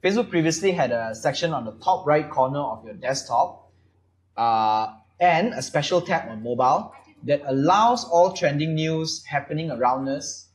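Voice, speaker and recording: A man's voice: fairly high pitch, lively intonation, moderate pace. A man from Malaysia hosting a casual panel chat, explaining at length with many fillers. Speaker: podcast host.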